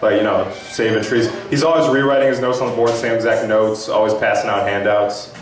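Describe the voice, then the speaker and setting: A young man doing a stand-up set with a laid-back, halting delivery full of fillers. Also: on the low side, fairly even intonation. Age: young adult. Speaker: stand-up comic. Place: club stage. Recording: echoey room from far off.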